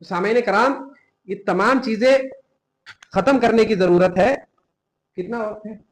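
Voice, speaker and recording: A young man preaches with fervor in a strikingly high voice. He scolds his listeners and breaks into quoted scripture in Arabic. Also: unhurried, rough recording. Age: young adult. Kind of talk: sermon.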